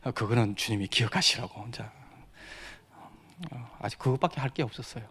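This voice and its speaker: A middle-aged man preaching a personal testimony, swinging from quiet murmurs to loud exclamations with frequent laughter. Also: mid-range voice, brisk, slightly rough. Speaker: missionary preacher. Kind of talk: sermon testimony.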